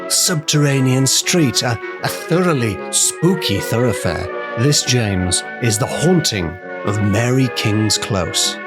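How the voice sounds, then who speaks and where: A man playing a spooky, ominous ghost-tour guide in a husky, theatrical voice for a ghost story podcast. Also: medium pitch, lively intonation, slow, few pauses, music in the background. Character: spooky guide to haunted underground street, husky, dramatic.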